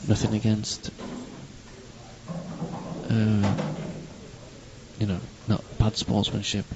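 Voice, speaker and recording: A man's voice: lowish voice, completely flat delivery, takes it slowly. A man commentating live on a pool match, chatty with wry asides to viewers. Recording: dull lo-fi stream audio with noise.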